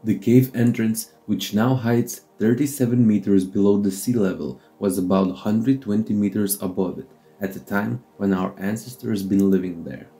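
A man narrating a documentary script in a steady, measured way, with slightly non-native phrasing. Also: on the low side, poor audio.

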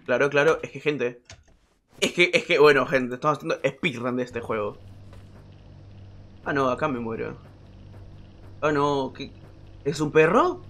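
A man commenting casually on a game he is playing, excitable, repeating words in quick bursts and yelling when startled. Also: mid-range voice. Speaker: gaming streamer.

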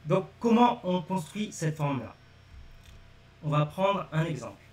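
A man's voice: a little high, big pitch swings, unhurried. Man, live lesson teacher, repeats each step, roomy echo, distant mic. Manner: repetitive step-by-step explaining, addresses viewers directly. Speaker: language teacher. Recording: echoey room, speaking away from the mic.

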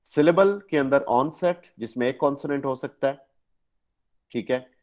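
A man's voice: mid-range voice, moderate pace, a little mellow. A man with a Pakistani accent giving an online lecture, explaining step by step and correcting his own slips. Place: online class.

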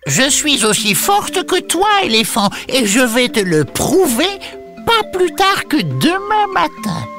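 A woman voicing a small, clever, self-assured female tortoise in a storybook, calm and polite. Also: sits high, slow, faint music behind, exaggerated voice. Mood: confident. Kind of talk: storybook voice acting.

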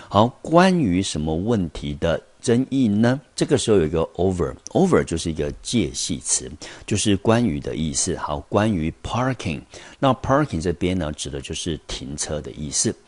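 A man teaching an English vocabulary lesson, explaining patiently and pausing on small fillers. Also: sits low, a little mellow, no room sound. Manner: patient explaining, drawn-out pauses on "呢" and "好".

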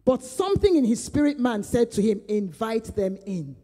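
A woman's voice: on the high side, big pitch swings, moderate pace, warm tone. A woman pastor teaching a conversational Bible study. She speaks earnestly, repeats phrases for emphasis, and retells her own prayers aloud. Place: church hall. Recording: reverberant church hall.

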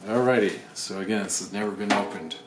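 Man, casual unboxing commentary, wry, rather low voice, roomy echo. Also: a little fast. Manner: musing, wry asides, thinks aloud. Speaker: video creator unboxing items. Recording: roomy echo, faint background noise.

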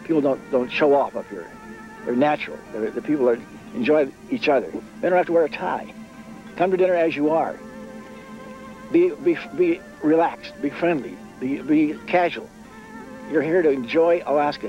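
A man, a ship crew member, speaking casually in a halting way with stammers. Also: fairly high pitch, darkish tone, soft background music. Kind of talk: casual interview remarks. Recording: dull lo-fi sound.

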